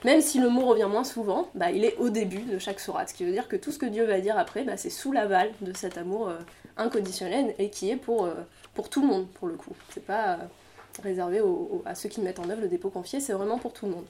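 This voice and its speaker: Woman teaching a class, lots of euh and restarts, explaining as she goes, middle-pitched voice. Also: quick pace, dark tone, a little hiss or hum. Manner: thinking aloud with many fillers and restarts; explanatory, laughs lightly at own remarks. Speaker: lecturer. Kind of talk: lecture on Quranic mysticism.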